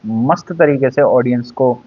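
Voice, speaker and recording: A man's voice: mid-range voice, a little slow, breathy edge, no room sound. Conversational man teaching acting, dull dry sound. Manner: conversational, mixes Hindi and English, frequent checking "है ना?". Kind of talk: casual Hindi-English lesson. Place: indoors, seated.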